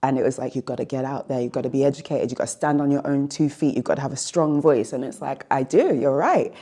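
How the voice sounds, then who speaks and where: Rumbling low and warm, this woman talks fast as a guest on a relaxed panel. She's a well-being coach in her forties who considers her words, often restating her points as she hunts for the right phrasing.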